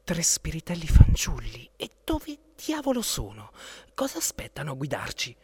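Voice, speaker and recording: A man's voice: a little high, huge pitch swings, normal speed, mellow, husky, full character voice. A man doing a grumbling feathered bird-catcher. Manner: grumbling, fussy.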